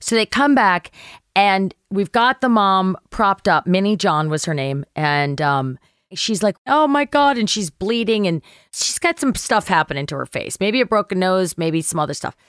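A middle-aged woman at home, a guest telling a funny anecdote and acting out other people's lines with big jumps in pitch. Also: expressive, moderate pace, fairly bright tone, clear, resonant tone, dry recording, clean studio sound. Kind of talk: casual storytelling anecdote.

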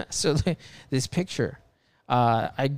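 A man's voice: medium pitch, slow pace, a little mellow, smooth. A man telling a story as a podcast guest, rambling and full of filler words, swearing a lot, earnest and emphatic. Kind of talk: casual chat.

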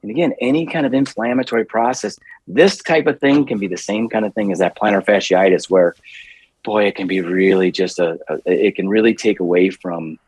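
Rambling, husky-voiced man telling stories. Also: fairly low pitch, brisk, no echo. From United States. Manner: rambling, restarts often, grows animated. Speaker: guest. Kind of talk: storytelling in a podcast interview.

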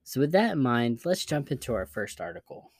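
A man's voice: medium pitch, very animated, fairly quick, a little mellow, no room sound, studio quality. A man hosting a podcast, reading articles aloud in scripted narration. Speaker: podcast host.

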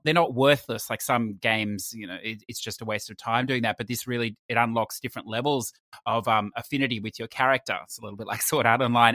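A man's voice: medium pitch, sharp tone, no echo, clean studio sound. A man co-hosting a casual gaming podcast, easygoing and hedging with "you know" and "sort of". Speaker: podcast co-host.

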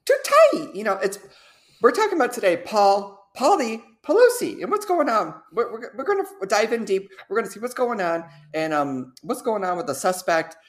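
A woman's voice: mid-range voice, moderate pace. A young woman co-hosting a casual podcast chat, giggly and swearing as she tells stories. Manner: giggly, swearing, lively storytelling. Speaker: podcast co-host.

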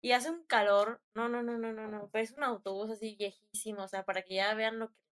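A woman's voice: on the high side, fairly even intonation, a little fast. A young woman with a Mexican Spanish accent, chatting casually and rambling through a story with slangy fillers.

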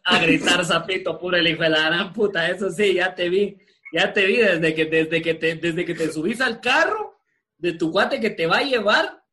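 A Guatemalan man co-hosting a podcast in casual chat, joking with quick interjections and crude slang. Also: high voice, bright, forceful tone. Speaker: podcast co-host.

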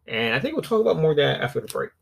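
A man's voice: fairly high pitch, sing-song, very fast, vocal fry, soft background music. A man from southern Alabama with a Southern US accent, hosting a podcast solo in a rambling, conversational, profanity-sprinkled way. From southern Alabama, United States. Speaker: podcast host. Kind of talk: casual solo podcast commentary.

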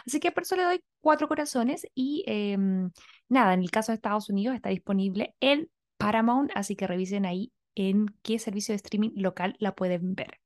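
A woman with a Chilean accent co-hosting a casual film chat, relaxed and thoughtful with everyday slang. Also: medium pitch, fairly quick. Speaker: podcast co-host.

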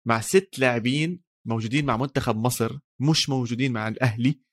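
A man's voice: mid-range voice, fast. A man with a Levantine Arabic accent co-hosting a football podcast in casual, colloquial, bantering chat.

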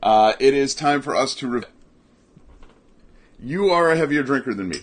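A man's voice: medium pitch, expressive, normal speed, slight background noise. Young adult male podcast host, rambling, self-mocking comic chatter. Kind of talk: casual comedic chat.

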